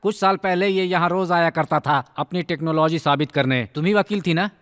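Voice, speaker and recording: A man dubbing a calm, fair-minded judge in a film courtroom. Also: fairly high pitch, fairly quick, dry recording, studio quality, natural voice. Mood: measured. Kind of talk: Hindi film dub.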